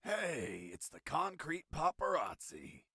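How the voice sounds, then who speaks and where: A man's voice: on the high side, big pitch swings, takes it slowly, creaky, very noisy, exaggerated voice. A man playing a wry, cool-headed fugitive operative in a video game. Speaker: protagonist and narrator.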